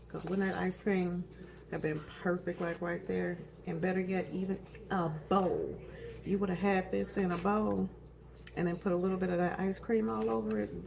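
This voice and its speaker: A woman's voice: lowish voice, gravelly. A woman chatting casually in her home cooking vlog, talking straight to her viewers and tasting as she goes. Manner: chatty, addresses viewers as y'all, tastes food on camera.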